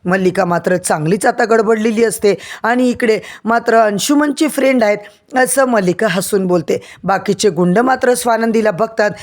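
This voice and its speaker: A woman's voice: medium pitch, normal speed. A woman narrating an episode recap of a TV serial, addressing viewers directly in a storytelling manner.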